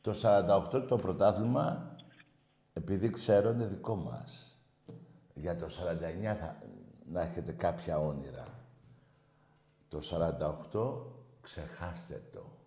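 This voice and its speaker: Brash shouting man on call-in radio. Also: sits low, expressive, gravelly, long pauses, echoey room. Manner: brash, shouting, insulting callers. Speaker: radio show host taking calls.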